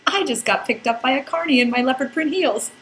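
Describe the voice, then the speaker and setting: Her voice is high-pitched, brisk, and fairly bright, with slight background noise around it. As a podcast narrator reading from a blog, she performs a scripted first-person comic tale with playful, wry theatricality and dramatic emphasis.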